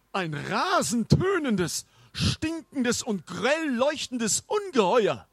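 A man reading a storybook in an expressive, measured narration. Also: on the high side, husky, no echo.

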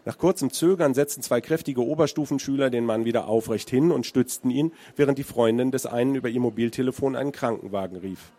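A Hessian crime writer from Germany reads from his novel, then answers questions with lots of hesitant fillers. His mid-range voice is warm, and he talks fast with barely any pauses. There's no room sound.

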